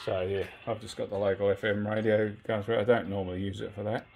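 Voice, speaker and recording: An Australian presenter walks through a motorcycle gear how-to indoors in his home garage, keeping it casual, rambling and full of colloquialisms. His voice is on the low side, level, gravelly and a little mellow, and he talks quickly over soft background music.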